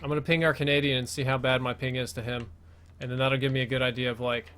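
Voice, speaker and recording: A man's voice: mid-range voice, level tone, fast talker, a bit bright, smooth. An American man doing casual live commentary as the host of a gaming video, his S sounds slipping a little because he wears braces.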